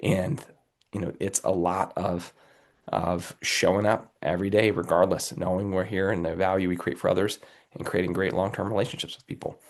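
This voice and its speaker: A man with a cold and a raspy voice, a company executive giving earnest, motivational answers as a guest in an interview, often checking in with "right?". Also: low-pitched, little pitch movement, normal speed. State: has a cold, under the weather.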